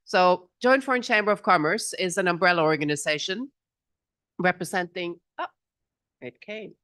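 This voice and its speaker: A middle-aged Norwegian woman, representing a business association, speaks on stage as a panelist at a conference, using a handheld mic. Her low voice is relaxed and chatty at normal speed, with little laughs and restarts in this informal panel talk. The sound in the conference hall is dry and close.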